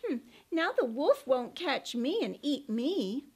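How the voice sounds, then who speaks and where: Lady doing a little piggy, polite and timid, high voice. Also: sing-song, takes it slowly, a little mellow, full character voice.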